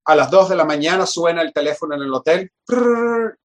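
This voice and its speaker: A man with a fairly high voice tells a long story in a relaxed, conversational way. He is animated, often restarts his sentences and repeats words as he goes. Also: quick pace. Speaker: guest telling a work story. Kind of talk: casual anecdote storytelling.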